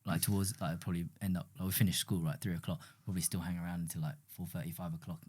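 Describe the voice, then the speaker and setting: A man's voice: low voice, flat delivery, darkish tone, slightly rough. A man in his thirties, co-hosting a casual fitness podcast chat in a laid-back, filler-heavy way. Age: 30s. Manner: quick, laid-back, peppered with "like" and "right". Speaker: podcast co-host.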